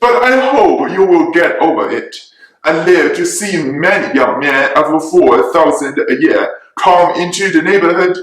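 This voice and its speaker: A man's voice: a little high, animated, measured pace, a bit bright. A man playing a teasing, sarcastic middle-aged husband and father in a theatrical dramatic reading of a classic novel. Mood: mocking, unruffled. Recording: echoey room.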